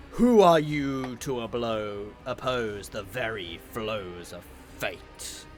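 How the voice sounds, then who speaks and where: A man voicing a contemptuous ancient daemon. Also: medium pitch. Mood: scornful.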